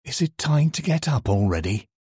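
A man voicing a vain, dreamy young female table lamp in a storybook reading, sleepy and coquettish, with a husky voice. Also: medium pitch, big pitch swings, a little slow, dry recording, studio quality, pitched above the performer's own voice, full character voice.

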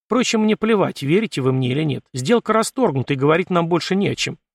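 A man's voice: fairly high pitch, expressive, quick pace, creaky, dry recording, studio quality, pitched above the performer's own voice. A man voicing a blunt, brash young male ship captain in an audiobook, with curt, scornful, commanding speech. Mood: defiant.

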